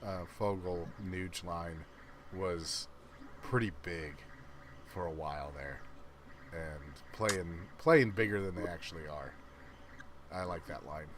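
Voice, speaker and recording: Lower male co-host, dry quips, light hiss behind the voice. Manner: quick, wry remarks, jokes with viewers. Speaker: co-host of a fan game-watch stream. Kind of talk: casual live game chat.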